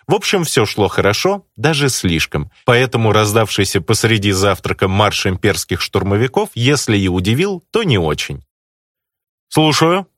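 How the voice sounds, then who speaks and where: A man reads a first-person audiobook in a low voice. His pitch swings widely as he tells the story, and the recording is dry and close, with no room sound. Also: no room sound. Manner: expressive, animated storytelling. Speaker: narrator.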